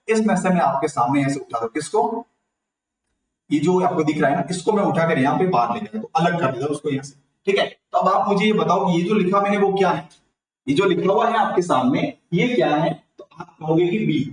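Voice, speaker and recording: Hindi-speaking tutor in an echoey room. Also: male voice, sits high. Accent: Rajasthani Hindi. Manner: asks the class and answers himself. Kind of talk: online grammar lesson. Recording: echoey room, mic far off.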